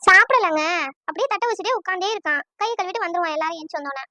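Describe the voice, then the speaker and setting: A woman's voice: very high voice, lively intonation, very fast, pushed and bright, no room sound, heavily acted. A woman voicing a caring, anxious middle-aged mother who fusses over her son, in a cartoon. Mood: worried. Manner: fussing, anxious. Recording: dull lo-fi dry sound.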